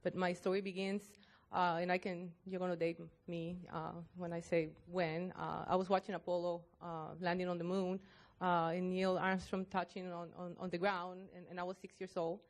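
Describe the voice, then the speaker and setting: A woman in her fifties from Costa Rica, a NASA civil servant telling her story on a panel in an earnest, halting way with many fillers. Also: lowish voice, flat delivery. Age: 50s. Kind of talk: panel talk, personal story.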